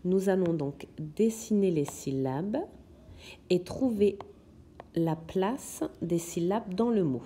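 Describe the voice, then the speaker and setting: A woman's voice: lowish voice, slow, mellow, slight background noise. A woman teaching young children in a recorded lesson, patiently sounding out words syllable by syllable. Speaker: kindergarten teacher.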